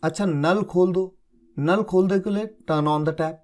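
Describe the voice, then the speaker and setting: A man's voice: high-pitched, a little mellow. A man teaching spoken English, explaining each example patiently and checking that his students follow. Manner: explains patiently, checks understanding with repeated confirmations; reads English examples slowly and deliberately. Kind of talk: spoken English lesson in Hindi.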